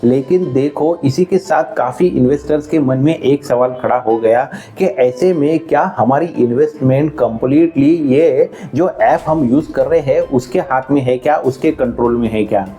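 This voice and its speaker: A man talks through money matters in a relaxed, conversational manner, building his points step by step. His voice is warm and dark. Soft background music runs faintly under his speech. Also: mid-range voice, moderate pace, hardly any pauses. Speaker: finance educator. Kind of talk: explainer video.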